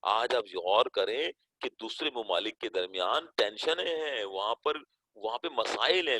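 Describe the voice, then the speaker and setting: A man's voice: fairly bright tone, poor audio. A male teacher giving an English lesson, explaining in Urdu mixed with English terms and checking with "theek hai?" as he stresses and drags out key words. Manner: emphatic, rising and falling pitch, drawn-out stressed words. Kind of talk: online class lecture.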